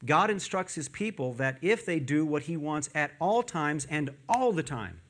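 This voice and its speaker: A man preaching a sermon in church, animated and playful, quizzing the congregation with questions and tossing in joking asides. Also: fairly high pitch, moderate pace. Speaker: pastor. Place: church with a screen behind him.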